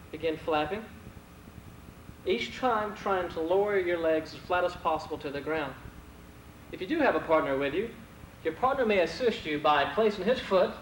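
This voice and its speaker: A man leading stretching exercises with calm, steady commands and counted reps, heard from a worn VHS tape copy. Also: a little high, echoey room, a little hiss or hum, low-quality recording. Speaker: martial arts instructor.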